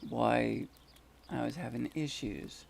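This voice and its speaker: A man's voice: mid-range voice, slow pace, gravelly, darkish tone, slight background noise. A man casually commenting on his game and muttering complaints about lag and connection trouble. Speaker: gamer streaming a solo playthrough.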